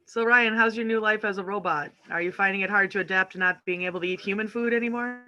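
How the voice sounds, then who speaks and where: A man co-hosting a casual live show from home over a video call, playful and quick to laugh. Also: high-pitched, fairly even intonation, pushed and bright, dull audio. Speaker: co-host of a live online talk show. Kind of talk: casual joking chat. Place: at home, family in kitchen nearby.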